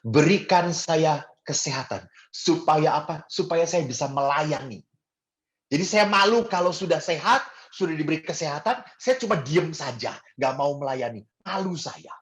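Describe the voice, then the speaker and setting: A man's voice: fairly high pitch, normal speed. Man preaching with easygoing humor. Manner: humorous, anecdotal storytelling with hesitant fillers. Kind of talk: sermon.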